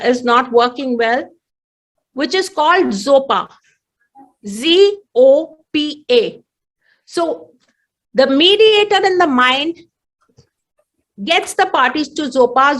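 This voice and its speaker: A woman with an Indian accent giving an online training lecture as a mediator, explaining deliberately with repeated phrases, her throat a little choked. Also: high-pitched, a bit bright.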